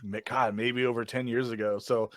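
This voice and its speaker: A man's voice: mid-range voice, level tone, normal speed. A man who plays in a metal band, chatting as a podcast guest, rambling and teasing a little. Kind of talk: casual chat.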